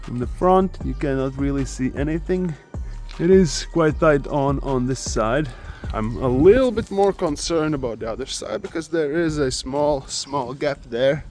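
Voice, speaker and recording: A man talking casually through a do-it-yourself car job. He is hesitant and self-deprecating and thinks aloud as he goes. The audio is a low-quality phone recording made without a microphone. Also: expressive, a little slow, a little mellow, faint music behind. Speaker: car vlogger. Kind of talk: casual DIY walkthrough. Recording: echoey, noisy phone recording.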